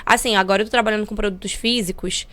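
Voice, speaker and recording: A young adult woman, a guest on a podcast, explaining her sales method in an energetic and persuasive way. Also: mid-range voice, racing. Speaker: podcast guest, digital marketing affiliate. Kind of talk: podcast interview.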